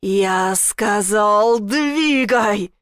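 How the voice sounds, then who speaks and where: A woman's voice: medium pitch, fairly even intonation, normal speed, darkish tone, dry recording, studio quality, natural voice. A woman voicing a hissing male gang leader. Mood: yelling. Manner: hissing, barking threats. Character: brutal male gang leader, hotheaded and menacing.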